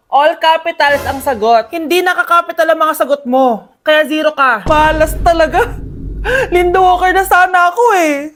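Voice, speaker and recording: High-voiced woman acting classroom skits. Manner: playing several classroom characters. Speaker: comedy sketch performer. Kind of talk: skit acting.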